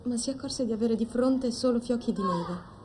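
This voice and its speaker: An actress playing a gentle young storybook reader. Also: female voice, a little high, a little hiss or hum, natural voice. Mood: reading aloud. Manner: measured, expressive storybook reading. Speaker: young woman reading aloud to an older woman. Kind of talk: film drama, reading a story aloud.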